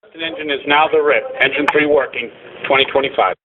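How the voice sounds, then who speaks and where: Fast-talking male fire dispatcher on radio. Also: mid-range voice, background noise. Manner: clipped, procedural, repeats messages back. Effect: two-way radio. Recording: phone-like radio with crowded background chatter.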